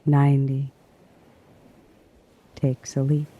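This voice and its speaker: A man narrating a guided sleep hypnosis in a hushed, soothing manner, in drawn-out phrases with long pauses. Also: medium pitch, monotone, muffled recording.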